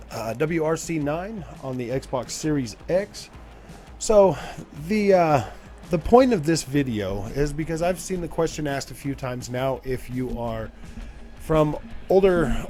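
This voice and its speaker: A man's voice: on the high side, dark tone. A man in his forties hosting his gaming channel, chatting casually and rambling with many fillers while he plays a racing game. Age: 40s. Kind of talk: casual commentary while playing. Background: racing game engine sounds.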